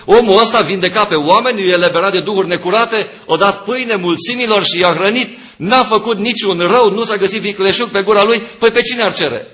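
A man preaching a sermon, walking through a Bible passage verse by verse and swinging from loud emphasis to low, quiet remarks. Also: hardly any pauses.

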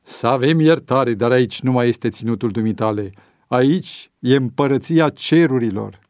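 A man voicing a tall bearded priest who speaks forcefully, with a preaching tone. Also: mid-range voice, no room sound, clean studio sound, natural voice. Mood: commanding.

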